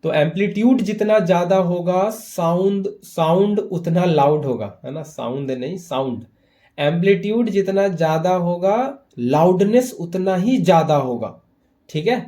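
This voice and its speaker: Physics teacher explaining with repeated checks. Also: male voice, high voice, normal speed, dark tone. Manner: Hindi mixed with English terms. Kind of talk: exam-prep physics lesson.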